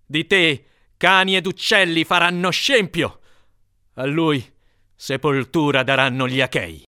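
A man voicing a wrathful Greek hero, speaking with forceful scorn in an epic reading. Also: high-pitched, normal speed. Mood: triumphant.

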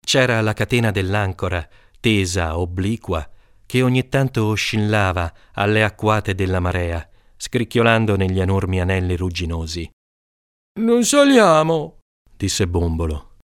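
A man reading a literary short story aloud in a measured, calm voice, lifting into high voices for the children's shouts. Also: smooth, no echo, clean studio sound. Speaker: audiobook reader.

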